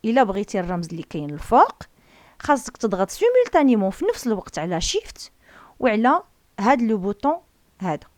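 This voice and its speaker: A woman with a Moroccan Arabic accent runs a computer lesson. Her pitch rises and falls a lot, and the sound is close and dry with no room echo. She reads each line slowly and carefully, then explains it in quick, easy talk. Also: huge pitch swings. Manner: slow deliberate reading, then quick chatty explaining. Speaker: computer teacher. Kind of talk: screen-share tutorial, reading French lines then explaining.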